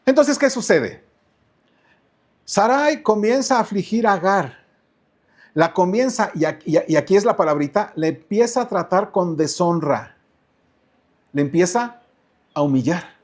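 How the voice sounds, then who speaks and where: High-voiced Mexican pastor preaching. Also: male voice, lively intonation, measured pace, long pauses. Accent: Mexican Spanish. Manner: asks the congregation questions, repeats words, changes pace often. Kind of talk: sermon. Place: church.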